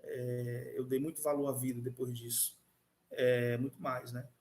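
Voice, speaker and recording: A man's voice: medium pitch, flat delivery, measured pace, a little mellow, slight background noise. A man teaching an online class, talking conversationally with frequent restarts. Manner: conversational, many fillers and restarts. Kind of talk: online class lecture with a personal story.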